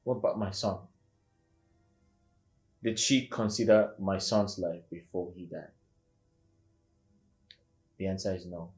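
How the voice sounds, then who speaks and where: Low-voiced, bitter, unforgiving man. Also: steady tone, darkish tone, faint music behind, low-quality recording. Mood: cold refusal. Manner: measured, formal, stern. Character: embittered, unforgiving man, coldly civil while refusing. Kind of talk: film drama acting.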